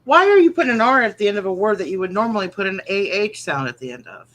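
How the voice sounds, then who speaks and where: A woman's voice: medium pitch, animated, quick pace, a bit bright. A woman co-hosting a live show in casual chat, with a teasing, correcting manner. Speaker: live online show co-host. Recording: clear background noise.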